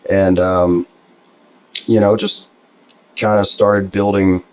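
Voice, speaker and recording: A man's voice: low voice, little pitch movement, takes it slowly, darkish tone, poor audio. A young man from New Jersey, a musician guest, chatting casually in an interview, tired and hungover, laid-back and rambling with lots of fillers.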